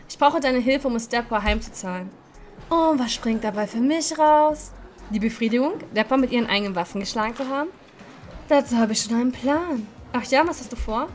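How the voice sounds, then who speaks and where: A woman's voice: fairly high pitch, a little hiss or hum. A woman hosting a let's-play, reading a dating game aloud and voicing every character, playful and laughing at her own slips.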